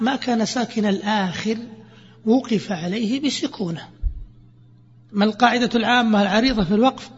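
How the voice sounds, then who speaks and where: A man gives a grammar lesson in a fairly high voice. He asks his own questions and answers them himself, repeating each example slowly. The recording is dull and lo-fi, with long echo from a lecture hall. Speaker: teacher of Arabic grammar. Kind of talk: classroom explanation of grammar.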